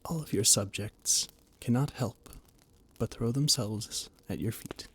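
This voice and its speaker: In a scripted audio roleplay monologue, a man plays a flustered, formal royal adviser who stammers often. His voice is fairly low and a little slow, with a little hiss or hum in the background.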